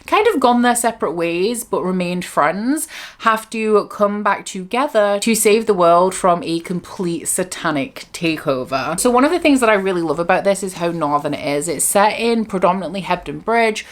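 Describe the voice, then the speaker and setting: A woman talks through her favorite reads in a relaxed, chatty monologue. Her voice sits a little low, and she drops casual fillers as she goes. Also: moderate pace. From Greater Manchester, England. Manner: chatty and enthusiastic, frequent "like" fillers. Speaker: book vlogger. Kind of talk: casual book review monologue.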